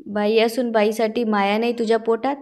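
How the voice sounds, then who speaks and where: A fiery retired schoolteacher with a Vidarbha Marathi accent scolds and threatens without holding back, as a woman reads her part. She sounds blunt, combative and loud, a neighborhood auntie who will not back down. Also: on the high side, little pitch movement, fairly quick, close to an everyday voice. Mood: scolding. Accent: Vidarbha Marathi (Varhadi).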